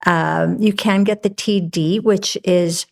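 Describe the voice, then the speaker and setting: A woman physician, a guest on a talk show, explaining medical advice clearly and step by step. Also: lowish voice, steady tone, takes it slowly, a little mellow.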